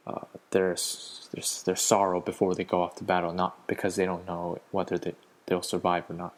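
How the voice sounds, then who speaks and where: A man giving a spoken poetry analysis as a student, hesitant with fillers and restarts. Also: low-pitched.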